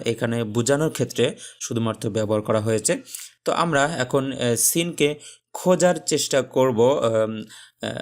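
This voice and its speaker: A man teaching a recorded tajweed lesson, patient, with frequent pauses and fillers, stretching out the letter sounds he demonstrates. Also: mid-range voice. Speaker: Quran teacher.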